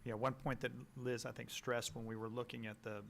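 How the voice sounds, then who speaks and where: Gravelly male planning staffer. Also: medium pitch, flat delivery, brisk, a little hiss or hum. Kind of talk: explaining policy at a council meeting. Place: town meeting room.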